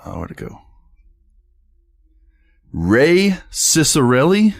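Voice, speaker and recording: A man's voice: on the high side, wildly swooping pitch, slow pace, gravelly, dry recording, clean studio sound. A young man co-hosting a sports podcast in casual chat, blunt and profane, laughing often and reading tweets aloud. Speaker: podcast co-host.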